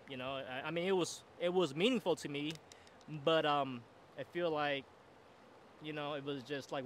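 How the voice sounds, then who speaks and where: A man in his forties muses aloud on a solo podcast, his voice a touch higher than most. He rambles and circles back, leaning on "you know what I mean" at every turn. He is seated outdoors at a boom mic, with faint outside noise behind him. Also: a bit bright. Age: 40s. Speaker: podcast host. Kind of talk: casual solo monologue. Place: outdoors, seated in a camp chair in a river. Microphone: boom mic on a stand.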